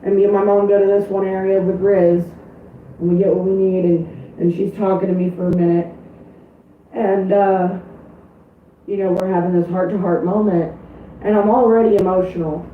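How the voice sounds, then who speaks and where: A woman's voice: medium pitch, level tone, moderate pace, pauses often, slight background noise. A woman player telling a tabletop game story in casual, emotional chat, swearing often. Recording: distant echoey tinny lo-fi audio.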